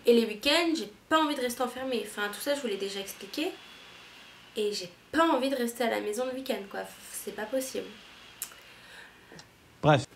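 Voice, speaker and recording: A young woman from France talks casually to camera, rambling and slangy, often restarting her sentences. Her voice sits a little high. The room is echoey, with a faint hum behind her. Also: a little fast, long pauses. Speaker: au pair vlogger.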